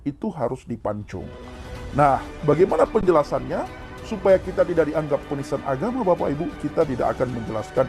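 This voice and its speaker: Male channel presenter, slightly high voice, measured intro, soft music bed. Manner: measured, addresses the audience directly. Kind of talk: scripted video introduction.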